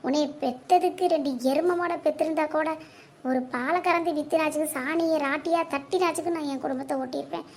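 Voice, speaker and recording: A sharp-tongued elderly mother scolds in a high, piercing voice, as a performer acts her out. She nags and insults without pause, in a cartoon comedy. A faint hiss sits under the recording. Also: steady tone, gravelly. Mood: aggrieved. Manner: shrill nagging scolding, insults.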